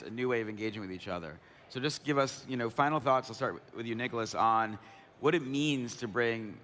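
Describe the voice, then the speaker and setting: A man's voice: mid-range voice, fairly bright tone, a little hiss or hum. A man moderating a conference panel, putting questions onstage in a conversational style. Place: large conference hall. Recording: reverberant conference hall.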